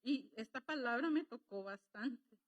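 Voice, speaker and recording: A woman's voice: fairly high pitch, animated, a little slow, highs cut off. A woman preaching a sermon in Latin American Spanish, conversational and emotional, with rising emphasis.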